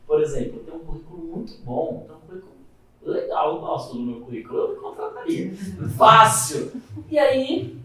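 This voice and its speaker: A man with a Brazilian Portuguese accent, a teacher giving a lecture through lively stories and acting out the people in them. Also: a little high, a little fast. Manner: animated, acts out dialogue in voices. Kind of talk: storytelling lecture. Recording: echoey room, far from the mic.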